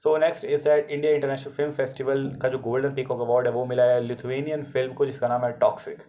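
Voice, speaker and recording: A man's voice: medium pitch, level tone, a little fast, mellow. An Indian man with a sore throat talks through the day's news for exam students. He is casual and chatty, slips English phrases into his Hindi, and stops to correct himself. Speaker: current affairs tutor.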